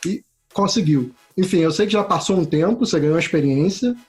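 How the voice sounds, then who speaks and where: A man's voice: high voice, animated, a little fast, faint music behind. A man hosting an interview, speaking in a friendly, informal way. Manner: friendly, informal, says "cara". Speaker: interview host.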